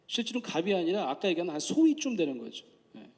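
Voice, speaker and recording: A male professor gives a public lecture, chatting with the audience and acting out voices when he tells stories. His voice sits a little high for a man. The sound carries a long hall reverb. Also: sing-song, fast, darkish tone. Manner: conversational, asks the audience questions; acts out quoted voices in anecdotes.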